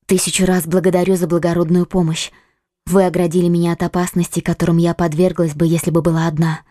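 A woman's voice: on the low side, level tone, fast talker, dark tone, dry recording, clean studio sound, close to an everyday voice. A woman playing a young, frightened, secretive woman in an audiobook, speaking in a pleading, evasive way. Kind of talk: audiobook acting.

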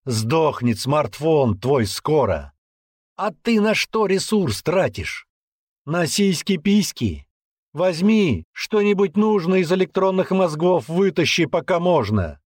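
A man voicing a gruff, brutal old male warrant officer who barks and taunts loudly. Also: fairly high pitch, sing-song, slow pace, dry recording, clean studio sound, voice pushed up, heavily acted. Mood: taunting. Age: older. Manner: barking, taunting, loud.

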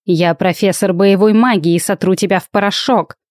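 A woman's voice: medium pitch, steady tone, moderate pace, a little mellow, dry recording, clean studio sound, lightly acted. A woman voicing an indignant male werewolf professor who protests and snaps back at students. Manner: huffy, protesting.

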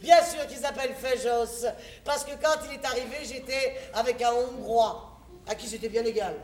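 A woman's voice: a little high, normal speed, a little mellow, close to an everyday voice. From a distant, echoing stage with faint noise, a woman plays a tough mother and war trader. Her delivery is blunt, wry and scolding, theatrical and fiercely protective. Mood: wry, brazen.

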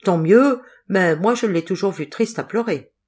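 A woman's voice: mid-range voice, a little slow, darkish tone, slightly rough. A woman reading the lines of an irritable, skeptical young man in an audiobook, with a dry, grumbling delivery.

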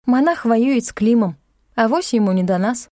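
A sharp-tongued young woman snaps back and dodges questions in a dry, close audiobook reading, as the narrator plays her. Her pitch sits higher than the narration and her lines come out defiant. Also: animated, normal speed, no echo, natural voice.

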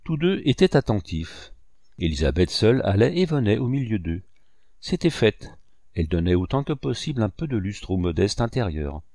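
A man narrating a literary audiobook in a measured, unhurried way. His voice is low and mellow. The recording is dry, with no room sound. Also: sing-song, no room sound. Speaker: audiobook reader.

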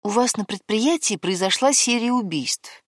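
A woman's voice: fairly high pitch, lively intonation, moderate pace, dry recording, studio quality, voice pushed up. A woman reading an earnest, worried young woman. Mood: pleading. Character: worried young woman, gentle but persistent.

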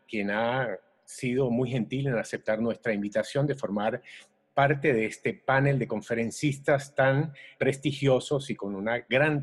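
A man's voice: mid-range voice, husky. A man hosting a conference, reading a formal, courteous scripted introduction of a guest speaker.

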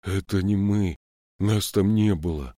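A man's voice: deep voice, measured pace, warm tone, no room sound, studio quality. A man voicing a shaken young urchin who speaks firmly but sounds bewildered.

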